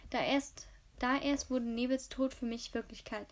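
A woman's voice: fairly high pitch, fairly even intonation, normal speed. Woman reading a novel aloud. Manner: reading aloud with small slips and restarts. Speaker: reader. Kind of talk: amateur audiobook reading.

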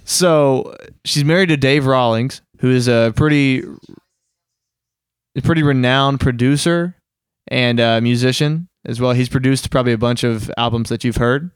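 Young guy rambling about music on a podcast, smooth clear voice, dry close mic. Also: medium pitch, moderate pace, no room sound. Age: young adult. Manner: relaxed, rambling explanations with fillers. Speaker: podcast co-host. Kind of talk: casual chat.

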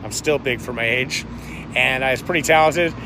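A man's voice: mid-range voice, normal speed. A man in his fifties from Georgia in the US, telling a story to a handheld camera outdoors in front of his house, in a rambling, chatty way full of fillers and self-corrections. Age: 50s. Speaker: vlogger. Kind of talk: casual first-person storytelling to camera. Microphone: handheld camera held by the speaker. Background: faint street and construction noise.

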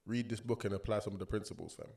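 A man's voice: fairly low pitch, fairly even intonation, racing, gravelly, a little mellow. A young man with a London roadman accent chatting casually as a podcast co-host, slangy and opinionated. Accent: London, urban roadman slang. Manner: slangy, opinionated, frequent tag questions like a street talker. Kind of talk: casual chat.

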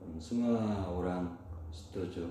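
A middle-aged Korean man with a Korean accent, a foreigner speaking halting, simple Indonesian as he answers casual interview questions. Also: low-pitched, warm tone. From South Korea, village near Gwangju. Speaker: Korean language teacher, interview guest. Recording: very echoey room, faint noise.

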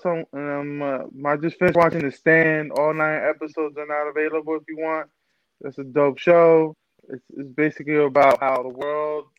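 A man's voice: a little high, smooth, dry recording. A man on a podcast panel chatting casually. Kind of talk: casual chat. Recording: slightly dull, lo-fi sound.

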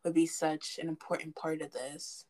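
A young adult woman in a casual chat about a movie. She is animated and stumbles over her words when excited. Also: deep voice, moderate pace.

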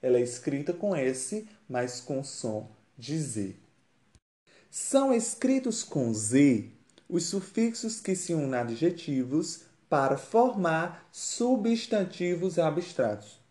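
A teacher explains grammar, stepping through examples and rhetorical questions. The voice is mellow and swings up and down in pitch. It sounds roomy, with a clear echo. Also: sing-song, slow. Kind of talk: grammar lesson.

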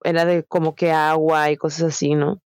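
A woman's voice: low-pitched, little pitch movement, normal speed, a little mellow, clean tone, no room sound, studio quality. A young woman with a Mexican Spanish accent, telling a personal story in a candid, slangy way with many fillers. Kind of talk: casual storytelling chat.

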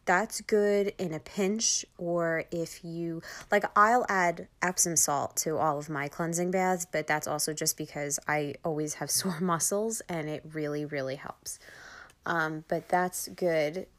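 A woman's voice: lowish voice, fairly even intonation, measured pace, few pauses, fairly bright tone. Chatty Long Island woman podcaster. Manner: chatty, lots of fillers like "um" and "like". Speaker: podcast host. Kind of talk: casual podcast monologue.

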